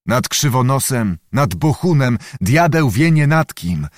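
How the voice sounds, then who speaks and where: A man's voice: medium pitch, very animated, unhurried, no room sound, studio quality. A man reading an audiobook, voicing a grim, weary soldier in a gloomy, foreboding tone.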